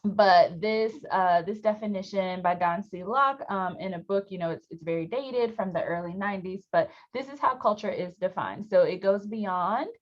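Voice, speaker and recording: A woman's voice: medium pitch, normal speed, hardly any pauses. A woman leading a student workshop over a video call, explaining in a conversational way with fillers. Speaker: workshop facilitator. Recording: dull lo-fi call audio.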